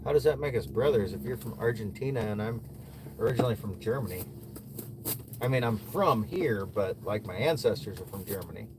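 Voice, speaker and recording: Sitting in an ice fishing shelter on a winter day, an easygoing Midwestern streamer reads and responds to viewer comments between fishing, often with a chuckle. His lowish voice is animated and brisk, set against noisy outdoor ambience.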